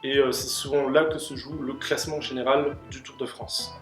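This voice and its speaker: A man talks through answers in a casual, mid-pitched voice, often pausing with fillers. The room sounds roomy, with faint music under him. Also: steady tone, a bit bright. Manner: many fillers and restarts, explanatory. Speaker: host answering questions on cycling. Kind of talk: casual explanatory Q&A.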